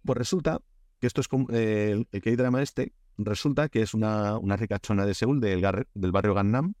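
A man's voice: on the low side, normal speed, no echo, clean studio sound. A man from Spain with a Spanish accent, a guest in a casual podcast interview, telling stories with lots of fillers and restarts. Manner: animated storyteller, many restarts and fillers. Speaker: guest, Korea expert.

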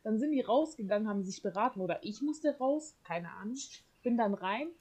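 A young woman chatting casually as a podcast co-host, telling a story in slangy, lively language and laughing often. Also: mid-range voice, a little fast. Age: young adult. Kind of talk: casual chat.

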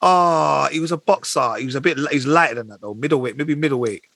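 A man with a London accent argues in slangy, casual banter. His voice is high and bright with a husky edge, recorded close and dry. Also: fast, dry recording. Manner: slangy, argumentative. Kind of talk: heated casual banter about boxing.

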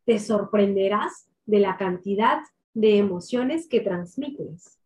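Slow, clearly articulating woman coach. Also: mid-range voice, animated, a little mellow. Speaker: voice and public speaking coach. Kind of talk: instructional tips to camera.

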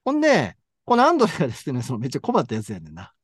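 Animated Kansai-accented man chatting. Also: medium pitch, racing, husky, no room sound, clean studio sound. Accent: Kansai Japanese. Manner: animated storyteller, reads passages aloud. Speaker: podcast co-host. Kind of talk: casual book chat.

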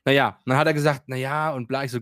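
A man's voice: mid-range voice, fast, dry recording, clean studio sound. A man telling a story in casual chat, ranting animatedly, acting out quotes and swearing casually. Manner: animated, rants and acts out quotes; swears casually, many fillers.

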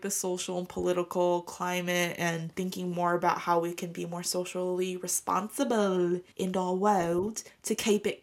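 A young woman co-hosting a podcast in casual, joking chat, firing off rhetorical questions. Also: lowish voice. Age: young adult. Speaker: podcast co-host. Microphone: remote call recording.

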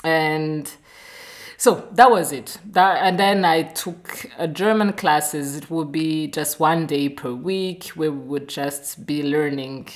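A woman from Burundi with a Burundian accent speaks in a low register at an unhurried pace. She tells her story conversationally, often repeating phrases as she finds her words. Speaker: radio show participant telling her story.

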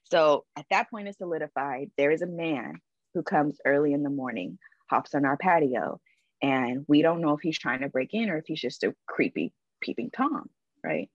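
A woman's voice: sits low, expressive, moderate pace, no room sound, highs cut off. A woman guest on a podcast, telling a personal story in a candid, emphatic way, often adding "like" and "right?".

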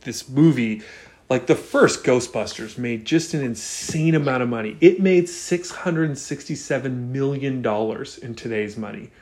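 A man's voice: medium pitch, measured pace, a little mellow. A man hosting a podcast, talking casually about films with many restarts and fillers. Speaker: podcast host. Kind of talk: casual film chat.

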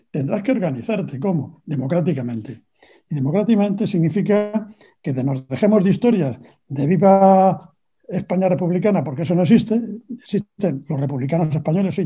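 An older man from Spain, a retired navy officer, answering an interview question with deliberate, argumentative points and frequent pauses. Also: fairly high pitch, dark tone, husky. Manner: deliberate and argumentative, pausing on fillers. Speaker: retired navy captain, guest. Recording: dull lo-fi recording.

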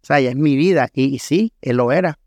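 A man's voice: mid-range voice, fast, darkish tone, no echo, clean studio sound. A man preaching a sermon in a church, with a Colombian Caribbean Spanish accent, speaking emphatically and firing rhetorical questions at the congregation. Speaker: pastor. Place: church hall.

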